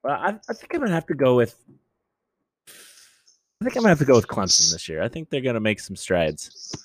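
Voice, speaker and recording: A relaxed man talks college football with a friend. His voice sits at an everyday middle pitch and is recorded close and dry. He trails off and restarts his sentences often. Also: a little fast, no echo. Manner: easygoing, hesitant restarts, laughs along. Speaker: sports podcast co-host. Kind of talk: casual sports chat.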